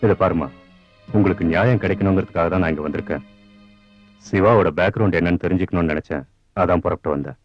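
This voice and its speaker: A principled jail superintendent, played by an actor, reassures worried people in a low, measured voice. The dubbed soundtrack is slightly dull, with soft music behind. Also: male voice, natural voice. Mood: reassuring.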